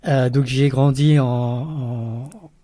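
A podcast guest in his thirties, a researcher from Vietnam raised in the Paris region, explains things at length in casual interview talk, full of fillers and restarts. His mid-range voice is warm and steady, and he speaks extremely slowly.

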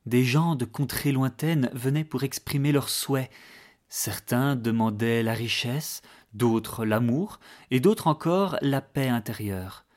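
A man reading a fairy tale aloud in a slow, unhurried, gentle manner. His mid-pitched voice stays calm and measured, and at moments it drops to a near-whisper. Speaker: storyteller. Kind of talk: scripted fairy-tale narration.

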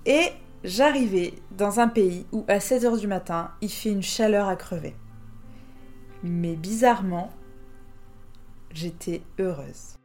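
A woman's voice: mid-range voice, slow pace, long pauses, darkish tone, soft background music. A woman from France, host of a podcast, telling a personal travel story in a reflective, hesitant way with frequent fillers.

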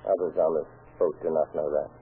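An actor playing a sly, precise smuggler with a very husky voice and clipped, formal English in an old crime film. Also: male voice, extremely low pitch, little pitch movement, brisk, exaggerated voice. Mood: controlled, secretive. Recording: tinny, phone-like old film soundtrack.

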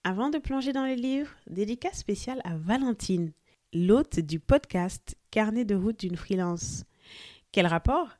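A woman hosting a podcast, reviewing a book in a lively, friendly scripted delivery and speaking directly to her listeners. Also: medium pitch, measured pace, no echo, studio quality. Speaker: podcast host.

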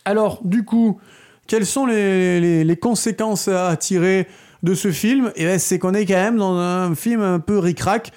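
A man co-hosting a casual film review, talking with many hesitant filler pauses. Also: high voice, a little mellow.

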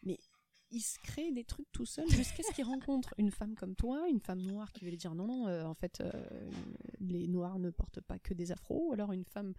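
A woman from France chatting casually as a podcast host, telling stories in a lively way and acting out the people in them. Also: mid-range voice, normal speed. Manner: lively storytelling, acts out the people in her stories. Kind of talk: casual conversation.

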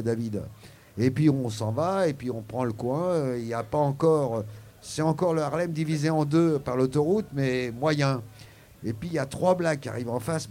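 An older man recounting his memories as an interview guest. His voice sits fairly high and he tells his stories animatedly, often pausing on hesitations before rushing on. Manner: animated storyteller, many fillers. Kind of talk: anecdotal interview storytelling.

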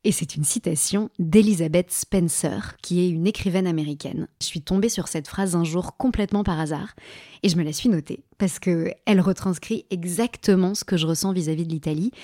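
A woman's voice: on the low side, darkish tone, dry recording, clean studio sound. A woman hosting a podcast in a casual, enthusiastic monologue, sharing recommendations and thanking listeners. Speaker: podcast host.

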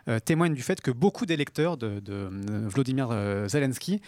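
A man's voice: mid-range voice, lively intonation, brisk, darkish tone, no room sound, studio quality. A man co-hosting a news podcast, explaining a story at length with many hesitations and fillers. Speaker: podcast co-host. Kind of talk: casual news podcast chat.

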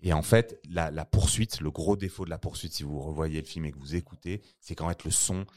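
Un homme, réalisateur invité, raconte son parcours dans une discussion détendue, avec beaucoup d'hésitations et d'argot. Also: male voice, rumbling low, fairly quick, darkish tone. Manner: slangy, rambling with many fillers and restarts. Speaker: filmmaker guest. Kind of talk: casual interview chat.

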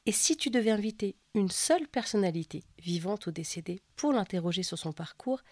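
A woman's voice: mid-range voice, animated, brisk, darkish tone, dry recording. A woman interviewing a podcast host, giving short affirming replies and reading out questions. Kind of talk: studio interview.

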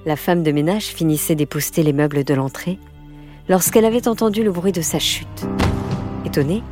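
A woman reads a children's novel in a fairly low, measured voice, expressive without rushing. Soft music plays faintly behind her. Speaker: audiobook narrator. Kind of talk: scripted storybook narration.

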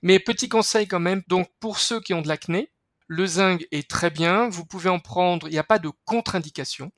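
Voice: medium pitch, moderate pace, a bit bright, no echo. Eager chatty guest, dry close sound. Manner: enthusiastic, chatty, many fillers and restarts. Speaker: guest from a skincare firm. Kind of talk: podcast interview explaining research.

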